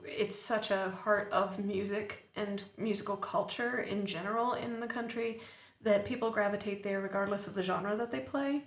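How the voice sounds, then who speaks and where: A woman musician explaining things in articulate, measured casual conversation. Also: mid-range voice. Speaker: musician guest. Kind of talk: casual interview chat. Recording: echoey room, dull lo-fi sound.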